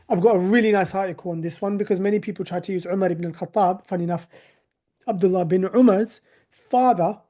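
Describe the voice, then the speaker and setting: A man's voice: sits high, mellow. A man teaching a live class in a conversational way, with sarcastic rhetorical asides. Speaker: teacher of hadith.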